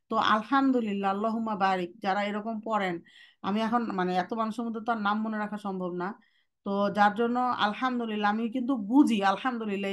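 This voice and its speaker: A woman teaching Quranic letter pronunciation in a class, casual and direct, drawing out sounds slowly to demonstrate them. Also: medium pitch. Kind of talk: online class instruction.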